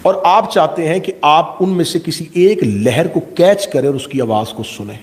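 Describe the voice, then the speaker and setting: A male Shia cleric giving a majlis sermon, oratorical and full of rhetorical questions, swinging from loud peaks to hushed asides. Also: on the high side. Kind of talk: majlis sermon to a live congregation.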